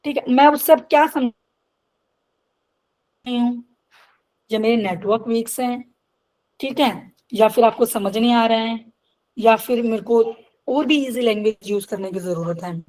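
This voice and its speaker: Woman teaching slowly in an online lecture. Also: on the high side, a little mellow, poor audio. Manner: mixes Hindi with slow English definitions; asks checking questions. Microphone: video call.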